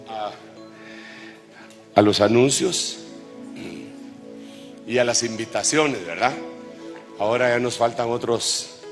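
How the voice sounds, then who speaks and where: A man preaching a sermon as an apostle to pastors, lively and joking with the congregation, then praying fervently. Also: mid-range voice. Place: large church hall. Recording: long church-hall reverb with faint music.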